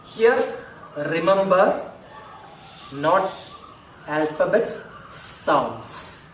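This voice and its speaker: A male school teacher, slowly explaining grammar in an online lesson and repeating examples. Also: high-pitched, lively intonation, a bit bright. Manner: slow, repetitive, drills examples aloud. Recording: echoey room, distant mic, noisy.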